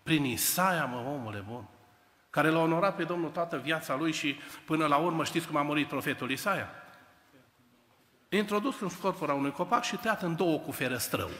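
A man preaching a sermon, telling the story in an animated way and speaking straight to the congregation. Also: fairly high pitch, long reverb tail. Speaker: pastor. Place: church hall.

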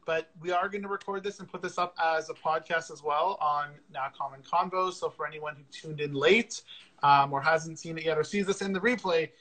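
Man, livestream host, upbeat, filler-heavy, bright fairly high voice, video call. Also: a little fast, low-quality recording. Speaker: podcast host. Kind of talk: casual livestream interview.

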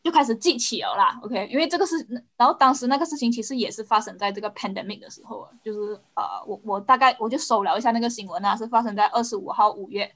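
A woman's voice: on the high side, quick pace, few pauses, fairly bright tone. A woman in a casual discussion, searching for words and dropping English into her Mandarin. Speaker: podcast co-host.

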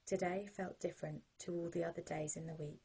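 Soft, husky British woman telling sleep stories. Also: fairly low pitch. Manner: gentle, calming, unhurried guidance. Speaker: sleep story narrator. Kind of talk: soothing bedtime story narration for children.

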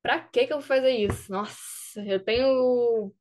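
A young woman from Brazil, a student athlete, recounting a story in a casual interview with lively quoted dialogue. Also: a little high, a little slow.

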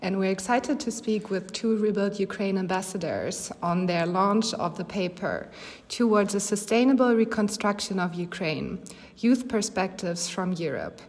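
A woman's voice: medium pitch, moderate pace, darkish tone. A woman hosting a podcast, opening the episode with a friendly, welcoming introduction. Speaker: podcast host. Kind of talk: podcast interview. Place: office in Berlin. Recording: reverberant room.

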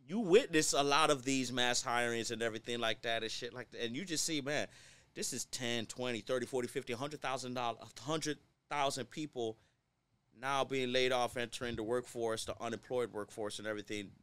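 A man's voice: mid-range voice, normal speed, a bit bright, clear, resonant tone, no room sound. A man hosting a casual podcast interview, talking in a colloquial, wordy way and often checking in with little tag words. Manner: colloquial, wordy, peppered with tags like 'right' and 'you know'. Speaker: podcast host.

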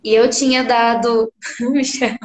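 High-voiced, effusive Brazilian woman. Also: quick pace, echoey room, a crowd in the background. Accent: Brazilian Portuguese. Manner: effusive, emphatic, speaks loudly. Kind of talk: casual conversation.

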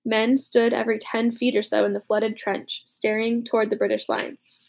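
A woman narrating a war story as a young soldier, with dramatic, hushed, urgent delivery in the dialogue. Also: on the high side, little pitch movement, normal speed, vocal fry, low-quality recording. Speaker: narrator voicing a boy soldier. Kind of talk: audiobook narration.

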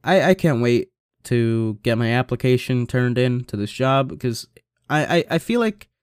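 A man's voice: medium pitch, animated, unhurried, smooth, dry recording, clean studio sound. A young American man with a congested, nasal voice, chatting in a rambling, slangy, laid-back way as a solo podcast host. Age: young adult. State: stuffed-up nose. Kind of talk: casual solo podcast chat.

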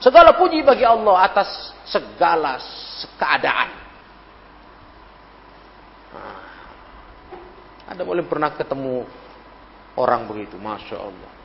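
A man's voice: sing-song, measured pace, vocal fry, long pauses, a little hiss or hum. A man giving a sermon as a religious teacher, asking his listeners rhetorical questions and acting out the people he quotes. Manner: acts out quoted speakers with sudden pitch jumps. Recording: dull lo-fi recording in a reverberant hall.

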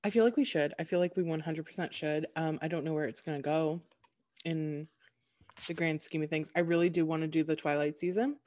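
A woman's voice: sits low, steady tone, brisk, darkish tone. A woman co-hosting a podcast in casual chat, chatty with wry, dry asides. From Florida. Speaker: podcast co-host.

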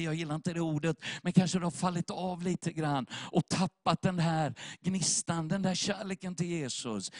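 A man's voice: a little high, darkish tone, dry recording, studio quality. A man preaching an evangelistic sermon, telling a story with emotion and building to impassioned appeals to the listeners.

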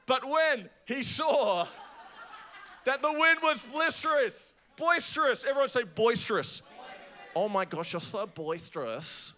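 A young man preaching a lively youth sermon, getting the crowd to repeat words after him. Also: extremely high pitch. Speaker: youth pastor.

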